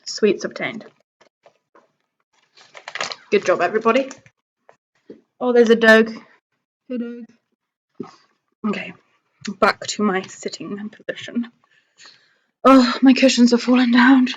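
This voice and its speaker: A woman's voice: on the high side, slow, long pauses, lo-fi sound, slight background noise. A woman hosting a live stream with casual, rambling chat to viewers, thinking aloud and often talking herself round. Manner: rambling, thinking aloud, changes own mind.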